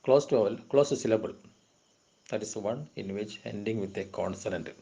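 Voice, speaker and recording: A man with a Kerala accent giving an exam question-and-answer lecture on linguistics. He reads English definitions slowly, then explains them in quicker Malayalam asides. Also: lowish voice, warm tone. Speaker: university lecturer.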